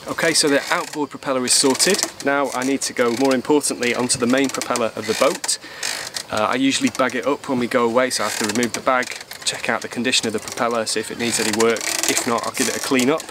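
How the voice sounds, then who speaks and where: A man's voice: mid-range voice, steady tone, quick pace, background noise. A man in his thirties, hosting a sailing vlog and chatting as he explains boat chores. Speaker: vlog host. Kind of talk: casual vlog narration. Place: aboard a moored sailboat.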